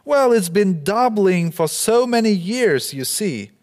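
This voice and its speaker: A man reading out the lines of a gruff tailor who wants his money. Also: sits high, sing-song, takes it slowly, a little mellow, voice pushed up, full character voice. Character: gruff male tailor demanding payment.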